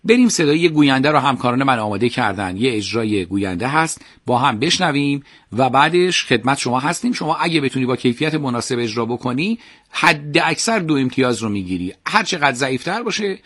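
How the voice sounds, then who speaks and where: A man's voice: medium pitch, animated, a bit bright, no room sound, studio quality. A man hosting a radio call-in game, patiently explaining the rules and coaching callers. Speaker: radio quiz host.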